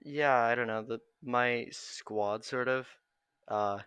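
A man's voice: mid-range voice, fairly even intonation, takes it slowly, fairly bright tone, clear, resonant tone, no room sound. A teenage boy chatting as a podcast guest, hesitant and full of fillers. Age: teens. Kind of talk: casual podcast chat.

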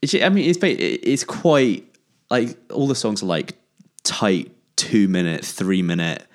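A man's voice: fairly low pitch, a little slow. A man hosting a casual chat, hesitant and searching for words with many ums. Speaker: podcast host.

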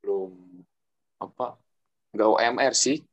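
A man's voice: lowish voice, unhurried, lo-fi sound. A young man, a student in a group discussion, giving brief offhand answers over a remote call where his voice keeps breaking up. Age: young adult. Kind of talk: casual chat.

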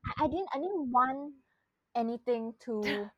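A woman's voice: on the high side, animated, unhurried, a bit bright, husky, no echo, lo-fi sound. A young woman with a Singaporean accent chatting casually and teasingly in colloquial Singlish, full of sentence-end particles, with a giggly manner. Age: young adult. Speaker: podcast host. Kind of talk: casual chat.

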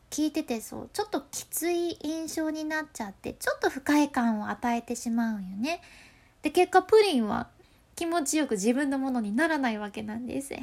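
A woman's voice: high voice, creaky, darkish tone. A woman with a Hakata accent explains voice control in a casual, playful way, laughing often. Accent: Hakata dialect.

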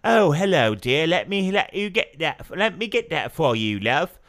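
A man putting on a condescending British gentleman in a deliberately overdone mock British accent. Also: on the high side, very animated, voice pushed up. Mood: smarmy. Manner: exaggerated mock British put-on.

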